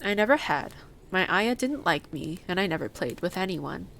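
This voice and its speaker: A woman's voice: fairly low pitch, animated, moderate pace, gravelly, fairly bright tone, a little hiss or hum, low-quality recording. A woman voicing a lonely, sour but curious little girl in a storybook reading, with stiff, direct speech. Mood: flat, lonely.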